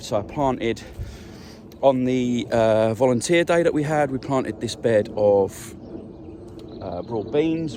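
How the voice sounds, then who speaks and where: A man, a vegetable grower chatting casually through a farm vlog, relaxed and explaining things as he works outdoors. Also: mid-range voice, slight background noise.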